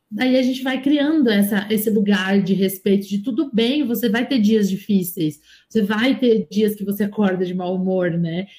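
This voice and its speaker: A woman, a mother of young children, talking calmly and at length about parenting as a guest in a casual conversation. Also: medium pitch. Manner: calm, reflective, explains at length.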